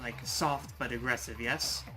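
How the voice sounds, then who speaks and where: Dude in a role-play game, thinking out loud, swears a bunch, music going behind. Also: male voice, mid-range voice, fairly even intonation, a little slow. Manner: casual, reasoning aloud, swears. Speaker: player. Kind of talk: casual role-play chat.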